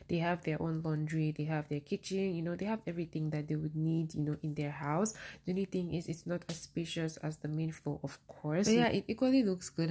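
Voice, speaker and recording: A woman's voice: low-pitched, warm tone. A woman vlogger narrating a rental house tour in a casual, chatty voice-over, full of "you know" fillers.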